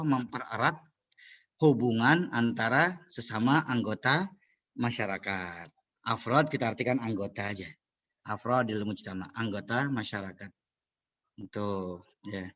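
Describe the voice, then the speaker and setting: Man lecturing, muffled recording. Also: mid-range voice. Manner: explains slowly, chanting Arabic recitations, chatty asides with quiet laughs. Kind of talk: university lecture.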